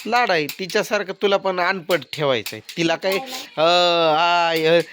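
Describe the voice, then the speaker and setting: A man's voice: high-pitched, a little slow, a bit bright, slight background noise. Blunt scolding man on a home vlog. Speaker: rural vlogger filming his family. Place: farmyard at home with animals. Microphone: phone camera.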